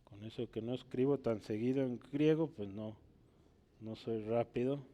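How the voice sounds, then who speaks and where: Male preacher, teaching sermon, emphatic rising peaks, mid pitch, church hall with long reverb. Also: moderate pace, mellow, lo-fi sound. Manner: rises to emphatic peaks on quotes and key words, frequent "¿verdad?" checks.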